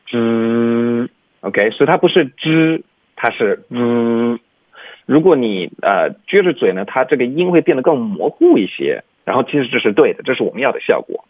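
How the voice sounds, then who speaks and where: A man's voice: mid-range voice, big pitch swings, quick pace, hardly any pauses, slightly rough, no echo. A man teaching English pronunciation on a radio lesson, explaining patiently and demonstrating sounds with exaggerated articulation. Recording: dry, tinny phone-like sound.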